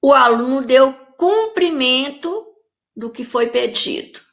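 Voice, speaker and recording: A woman with a Brazilian Portuguese accent teaching a recorded grammar lesson for children, explaining slowly and carefully to her pupils. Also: sits high, animated, fairly bright tone.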